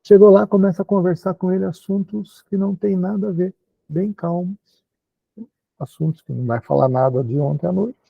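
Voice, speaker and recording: Brazilian male teacher, lively chatty lecture, raspy voice, phone-line audio. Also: dry recording. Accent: Brazilian Portuguese. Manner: chatty, animated, acts out dialogues with high put-on voices. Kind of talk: online class lecture. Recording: tinny phone-like call audio.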